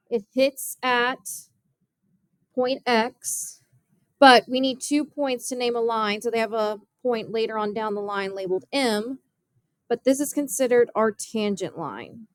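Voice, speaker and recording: A woman's voice: a little high, no echo. A young woman math teacher giving a classroom geometry lesson, explaining step by step and often asking her students questions.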